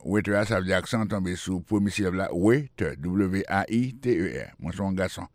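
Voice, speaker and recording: Low-voiced man teaching English. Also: fairly quick, dry recording. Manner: patient, repetitive, spells words out. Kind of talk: explanatory radio lesson.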